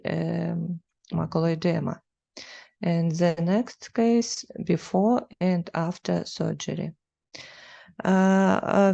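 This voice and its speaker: A woman giving a conference presentation over a video call in slow, halting non-native English with a gravelly voice. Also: lowish voice, warm tone, highs cut off. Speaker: conference speaker. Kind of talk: webinar presentation.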